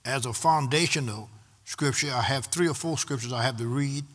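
A man's voice: mid-range voice, moderate pace, a bit bright. A man preaching a sermon, in rhythmic repeated refrains that build in intensity. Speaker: pastor.

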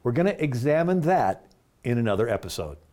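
Male host narrator, mid pitch, earnest explainer. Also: big pitch swings, brisk, mellow, slight background noise.

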